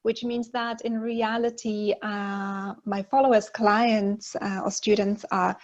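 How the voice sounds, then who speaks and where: A woman's voice: medium pitch, level tone, takes it slowly, highs cut off. A woman in her forties, born in Poland, talking openly as a guest relationship expert on a video call, with lots of fillers. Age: 40s. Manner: chatty and open, with frequent laughs and fillers. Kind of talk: casual interview talk. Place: living room at home. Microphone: earphone mic on a video call.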